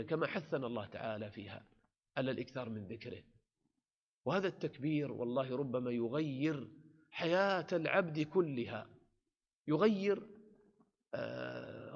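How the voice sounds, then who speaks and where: A man delivering an earnest sermon, his voice rising with emphasis as he exhorts listeners. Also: medium pitch. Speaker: preacher. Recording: dull sound with long hall reverb.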